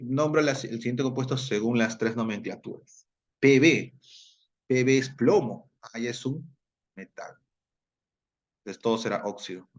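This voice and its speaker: A man's voice: medium pitch, dull audio. A man teaching a chemistry lesson, explaining step by step, repeating key terms and checking in with his students.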